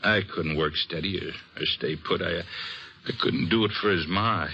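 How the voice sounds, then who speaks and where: An actor voices a restless American gambler father in an old-time radio western, sounding blustery and regretful with a halting, folksy delivery. The audio sits low, with the highs cut off.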